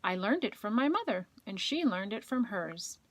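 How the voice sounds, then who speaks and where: A woman voicing a tender mother raccoon in a storybook read to a toddler, gently soothing and reassuring. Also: medium pitch, very animated, normal speed, dry recording.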